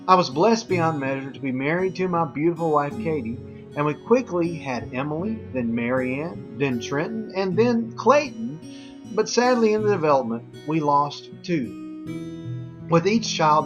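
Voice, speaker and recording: A wellness coach presents a scripted infomercial, addressing viewers directly in an earnest, folksy manner that feels like a personal testimonial. His voice sits on the high side.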